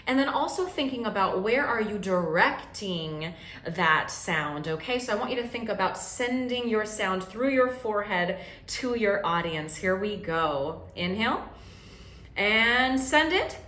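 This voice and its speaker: A woman's voice: mid-range voice, animated, measured pace, a bit bright. Encouraging woman vocal coach, roomy echo. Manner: encouraging, coaching with frequent "okay?" check-ins. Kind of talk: guided vocal warm-up lesson. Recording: roomy echo with faint ambient noise.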